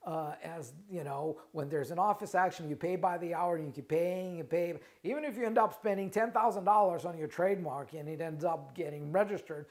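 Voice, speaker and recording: Hosting his live Q&A stream, this Russian-accented, middle-aged trademark lawyer and company founder talks casually and briskly, with hardly any pauses. His voice sits somewhat high for a man, and he keeps restarting, repeating himself and asking "right?"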